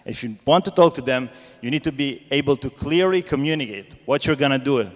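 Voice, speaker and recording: Italian guy w accent, startup founder talking bluntly in halting english, medium pitch, echoey hall. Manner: blunt, informal, halting non-fluent English. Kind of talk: informal spoken panel answer. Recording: reverberant hall.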